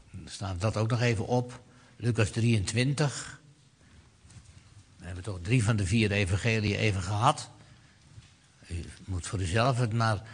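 A man preaching a sermon who speaks to his listeners directly, hesitates with fillers, swells to loud proclaiming and then drops low and quiet.

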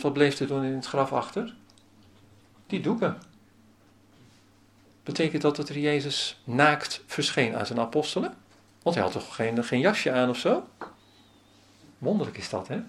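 A man preaching a sermon as pastor, asking the congregation many rhetorical questions. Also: medium pitch.

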